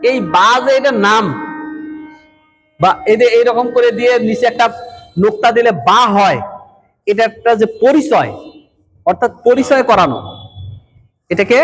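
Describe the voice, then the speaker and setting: A man's voice: high voice, fairly bright tone. A man, training madrasa teachers in a lecture and repeatedly quizzing his audience. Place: madrasa hall. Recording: echoey hall with long reverb.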